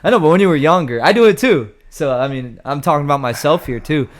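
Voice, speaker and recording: A man's voice: on the high side, expressive, fast. A young man hosting a casual chat, joking, laughing often and airing strong opinions. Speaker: podcast host.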